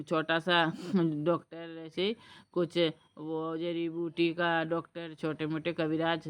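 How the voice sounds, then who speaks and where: A woman's voice: fairly low pitch, slight background noise. A woman vlogger casually telling a folk story, hesitant and full of fillers and restarts.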